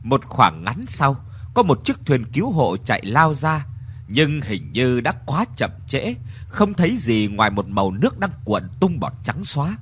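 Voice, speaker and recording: Male storyteller, very animated pitch, faint background noise. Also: measured pace. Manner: expressive, dramatic storytelling. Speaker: narrator. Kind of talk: scripted horror story narration.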